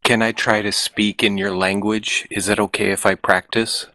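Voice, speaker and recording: A man with a standard American accent speaks in a fairly low voice with very little room sound. He is improvising a prank phone call, hesitant and apologetic as he feels his way along. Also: level tone, normal speed, pushed and bright, no room sound. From United States. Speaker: prank caller on a comedy show.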